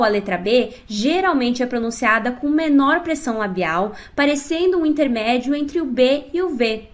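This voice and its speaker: A woman with a notably high voice teaches an online language lesson. Her delivery is clear and instructive. She addresses the learner directly as she walks through each point. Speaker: Spanish teacher.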